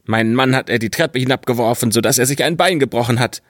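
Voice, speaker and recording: A man's voice: medium pitch, fast, no echo, studio quality, pitched above the performer's own voice, natural voice. A man voicing the frightened, agitated wife of a village sexton in a fairy-tale audiobook. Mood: anxious, upset. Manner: agitated, pleading.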